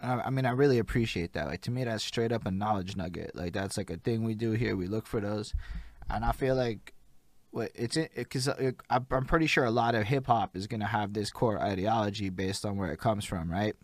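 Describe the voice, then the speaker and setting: A man's voice: fairly low pitch, a little fast, no echo. A man from Montreal hosting a casual interview, talking in an enthusiastic and conversational way. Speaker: podcast host.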